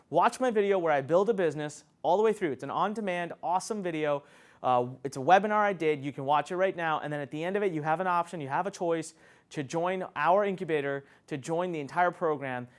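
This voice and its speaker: A man teaching an online marketing lesson, enthusiastic and conversational, laughing often as he talks. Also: fast talker. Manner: enthusiastic, swoops up and down in pitch, frequent laughs. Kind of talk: energetic teaching talk to camera.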